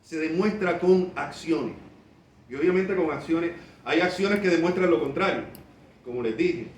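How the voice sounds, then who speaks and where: A man preaching a sermon as pastor, repeating key phrases slowly and acting out quoted people in quick voices. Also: fairly high pitch, slight background noise. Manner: slow emphatic repetition of key phrases. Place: church. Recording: echoey church from a distance, faint background.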